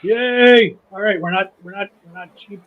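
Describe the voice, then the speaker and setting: A Midwestern man with a high, husky voice chats loosely on a livestream, circling back and restarting his sentences. The audio is dull and lo-fi. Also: level tone, fast. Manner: rambling, restarts sentences, laughs easily. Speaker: host of a model railroad channel. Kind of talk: casual livestream chat.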